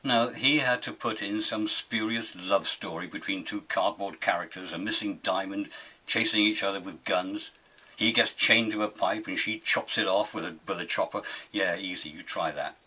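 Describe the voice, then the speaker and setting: An older man with a raspy voice delivering a grumpy, indignant, emphatic rant as an opinionated monologue. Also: on the low side, normal speed, sharp tone, poor audio. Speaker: opinionated film critic and host of his own show.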